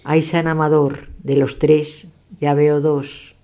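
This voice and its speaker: An elderly woman voicing a poor village man who poses as a fortune-teller, calling out slowly and drawn-out. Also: a bass voice, flat delivery, gravelly, dark tone. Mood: wailing. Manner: slow drawn-out exclaiming.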